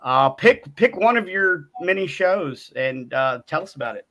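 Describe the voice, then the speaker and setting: A man's voice: fairly high pitch, lively intonation, unhurried, fairly bright tone. A man hosting a casual online talk show, jokey and playful, laughing easily. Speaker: show host.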